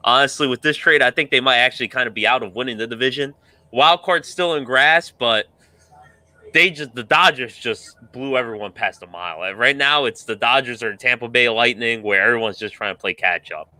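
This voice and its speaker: Bright, excitable sports podcast man. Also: mid-range voice, a little fast, no room sound. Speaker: podcast co-host.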